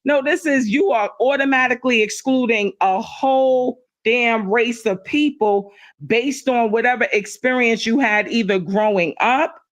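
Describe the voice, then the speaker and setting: A woman's voice: a little high, a little slow, no room sound. A middle-aged woman talking in a casual livestream chat, impassioned and emphatic, often repeating herself for stress.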